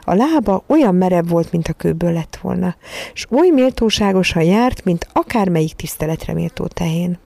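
A woman reading a children's storybook aloud in a calm, measured way. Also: fairly low pitch, creaky, no echo. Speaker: narrator.

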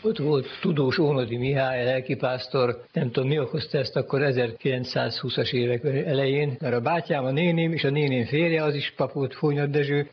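An older man being interviewed, recalling family history in a slow, unhurried way. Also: medium pitch. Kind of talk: reminiscing in an interview. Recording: dull recording with faint hiss.

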